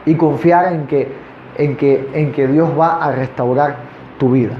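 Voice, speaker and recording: A man with a high-pitched voice preaches a sermon, asking his congregation rhetorical questions. The recording is echoey and dull, with faint noise underneath. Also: steady tone, a little slow. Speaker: pastor. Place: church in front of a congregation.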